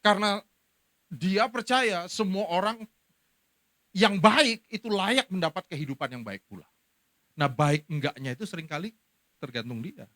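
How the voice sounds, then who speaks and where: Middle-aged male preacher, animated storyteller, high bright voice. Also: dry recording. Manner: animated storytelling, acting out quoted speech. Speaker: pastor. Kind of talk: sermon.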